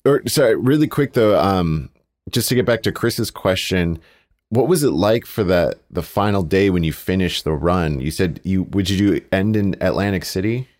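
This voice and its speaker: A man's voice: sits low, expressive, moderate pace, a little mellow. A man hosting a podcast, politely breaking in with a casual question. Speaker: podcast host.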